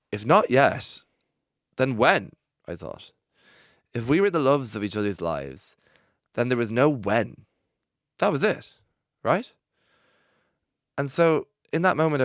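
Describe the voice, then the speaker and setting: A low-pitched man reads a personal story aloud as a podcast host. His delivery is expressive, often breaking into laughter. The studio sound is close and dry. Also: clean tone, no echo. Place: recording studio.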